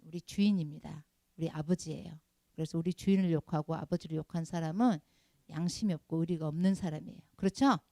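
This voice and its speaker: A middle-aged woman with a deep, warm voice talks fast in a dry recording. As head of the Sunday school department, she preaches a children's sermon, emphatic and scolding, firing rhetorical questions at the class.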